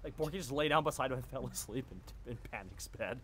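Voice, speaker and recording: A man's voice: medium pitch, animated, quick pace, fairly bright tone. A man chatting casually and playfully as a player in a tabletop role-playing game. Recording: background noise, room ambience.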